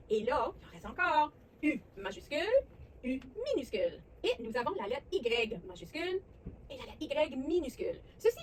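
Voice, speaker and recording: A woman with a Québécois accent, hosting a children's lesson on letters and sounds, talking warmly and encouragingly straight to the young viewer. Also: high-pitched, distant mic, slight background noise. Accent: Québécois French. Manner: animated, encouraging, speaks directly to the child viewer. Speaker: children's educational host.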